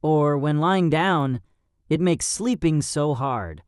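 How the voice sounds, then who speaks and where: A woman slowly reading out simple example sentences for learners. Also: low voice, lively intonation, darkish tone, smooth, dry recording, studio quality. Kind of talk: slow read-aloud example sentences.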